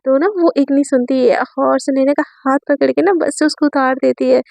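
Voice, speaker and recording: A woman tells a romance story in a chatty, rambling way, often correcting herself mid-sentence. Her voice sits high. The recording is dry and close, with no room echo. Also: fairly even intonation, a little fast, gravelly, a little mellow. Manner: chatty, rambling, frequent fillers. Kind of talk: casual spoken storytelling.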